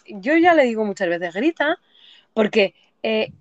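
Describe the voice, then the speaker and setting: Woman telling animated stories. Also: on the high side, normal speed, no room sound, muffled recording. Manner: animated storyteller, acts out her own fear. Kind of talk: casual chat.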